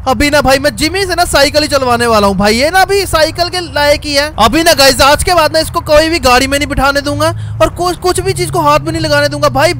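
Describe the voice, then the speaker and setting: A young man with a very high voice gives excitable gameplay commentary and keeps breaking into mock-angry shouts. Faint game sounds and traffic hum behind him. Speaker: gaming channel host. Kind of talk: Hindi let's-play commentary.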